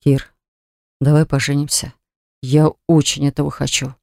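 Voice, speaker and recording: A woman's voice: low-pitched, fairly even intonation, brisk, dark tone, dry recording, clean studio sound, close to an everyday voice. A woman voicing an insistent young man who pleads earnestly with his ex in an audiobook. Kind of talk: audiobook dialogue.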